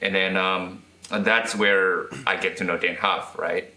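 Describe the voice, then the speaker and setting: A man from Indonesia with an Indonesian accent, chatting as an interview guest, with halting restarts and tag questions. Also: low-pitched, flat delivery, bright, forceful tone, roomy sound. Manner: halting, frequent "right?" tags and restarts. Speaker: guest guitarist and electronics restorer. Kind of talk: casual interview chat.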